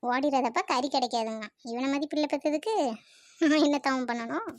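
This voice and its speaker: Woman doing a tired nagging cartoon mom, quick and dry. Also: sits high, no room sound, voice pushed down, natural voice. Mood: scolding. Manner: scolding, weary. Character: scolding middle-aged mother, tired, sharp-tongued.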